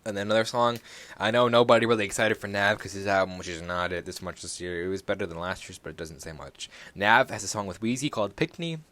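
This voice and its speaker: A man's voice: fairly low pitch, fast, sharp tone, no echo. A young man hosting a casual solo podcast, rambling through music news with many fillers and self-corrections. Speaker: podcast host.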